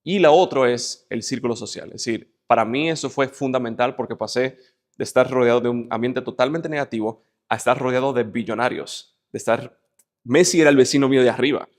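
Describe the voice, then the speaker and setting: This Dominican interview guest talks fairly quickly in a mid-range male voice, his Dominican Spanish accent clear. He sounds motivational and emphatic, stacking up lists and posing rhetorical questions to make his case.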